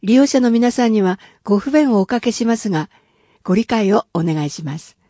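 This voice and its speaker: A woman reading official city announcements in a careful, even and formal manner. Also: on the high side, brisk, no room sound, clean studio sound. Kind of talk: scripted reading of public announcements.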